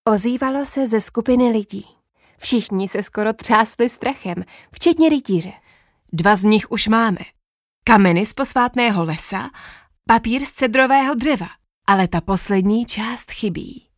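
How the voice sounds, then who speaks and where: A woman narrating a first-person story in a lively, expressive way. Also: fairly high pitch, no room sound, studio quality.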